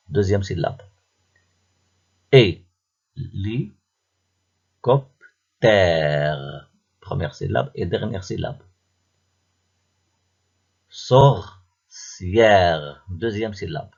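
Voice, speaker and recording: A man with a deep, gravelly, husky voice talks through a primary school phonics lesson at a very slow pace. He patiently goes over each answer one step at a time. The recording sounds dull and lo-fi. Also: a little mellow.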